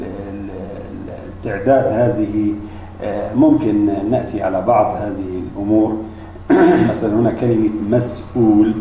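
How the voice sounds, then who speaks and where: Explaining Arabic spelling rules one step at a time, this man keeps restarting and hesitating, with plenty of fillers. His fairly low voice is warm and creaky. The sound is dull and lo-fi, captured by a distant mic in an echoey room with slight hiss or hum.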